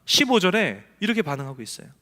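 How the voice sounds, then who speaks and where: Pastor, male, bright forceful tone, echoey sanctuary; emphatic preacher who acts out quotes. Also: high-pitched, sing-song, quick pace. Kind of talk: sermon. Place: church sanctuary. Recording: echoey church hall.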